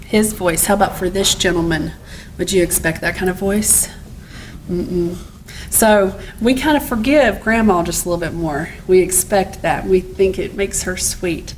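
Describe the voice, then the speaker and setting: A woman's voice: medium pitch, a little hiss or hum, rough recording. A woman lecturer talking through cases and asking her audience questions. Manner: chatty, asks the audience questions. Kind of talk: recorded lecture.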